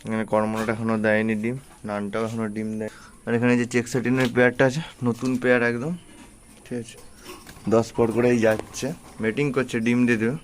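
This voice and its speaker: Outside among his pigeons, a vlogger tours his loft and garden, narrating in a matter-of-fact, casual way. He speaks fairly quickly with a level, mid-range voice, while cooing pigeons, birdsong and ambient noise make the recording noisy.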